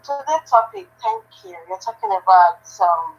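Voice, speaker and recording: A woman's voice: mid-range voice, wildly swooping pitch, normal speed. A woman calling in to a talk show, heard over a phone on speaker, giving earnest, firm advice in casual chat. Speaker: caller. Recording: dull phone speaker with faint noise.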